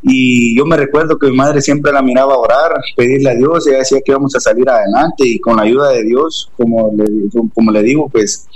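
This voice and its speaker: Earnest Guatemalan man, halting testimony. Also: mid-range voice, steady tone, rough recording. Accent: Guatemalan Spanish. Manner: earnest, hesitant, many restarts and fillers like "pues". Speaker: interview guest. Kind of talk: personal testimony.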